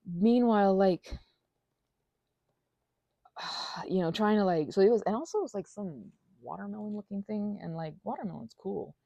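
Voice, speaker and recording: With a medium-pitched, gravelly, warm voice and no room sound, this audio channel creator talks at a moderate pace with long pauses. She's finger painting and rambling freely, scattered and jokingly self-deprecating, slipping into asides and tangents and now and then almost whispering.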